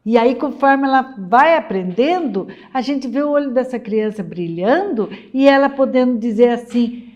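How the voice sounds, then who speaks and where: A woman's voice: fairly high pitch, animated, moderate pace, a little mellow, dull audio. A middle-aged woman with a Brazilian accent, a literacy educator giving an emphatic lesson for mothers and repeating her key points. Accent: Brazilian Portuguese. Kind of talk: talking-head lesson for mothers.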